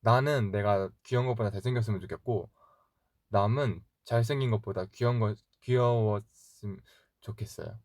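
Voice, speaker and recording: On the low side, this man's voice comes through with studio quality and no echo. He's an idol livestream host in his twenties, casually fielding fan comments, laughing easily and wandering through stories. He rambles, laughs quickly, and talks softly to himself.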